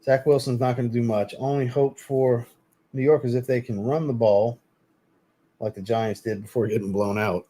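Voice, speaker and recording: A man's voice: medium pitch, fairly even intonation, normal speed, warm tone. A man chatting off the cuff on a live stream, rambling from point to point with a middling voice. He is blunt and swears casually, and he often restarts or repeats a phrase as he goes. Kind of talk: casual live chat commentary.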